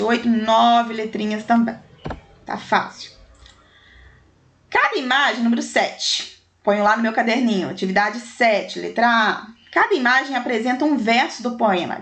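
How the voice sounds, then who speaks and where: Slow, patient woman teacher. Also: a little high, a bit bright, slight background noise. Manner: slow, patient syllable-by-syllable counting aloud; affectionate diminutives for young pupils. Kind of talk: primary school lesson.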